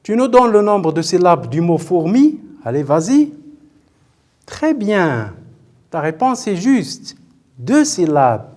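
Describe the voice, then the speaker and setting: A man's voice: high-pitched, very animated, takes it slowly, a little mellow. A man teaching a televised primary school lesson, patient and repetitive, questioning and praising pupils as he spells out words syllable by syllable.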